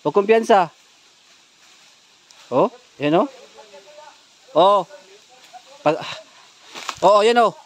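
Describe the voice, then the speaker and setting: A man's voice: sits high, drawn-out words, pauses often. A man on a ghost-hunting vlog, urgently giving tense commands to his companions outdoors in a forest. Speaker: ghost hunter.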